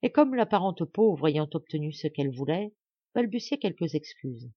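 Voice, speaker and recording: A woman narrating a classic novel as an audiobook reader, in measured, expressive storytelling. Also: deep voice, breathy edge, dry recording, dull audio.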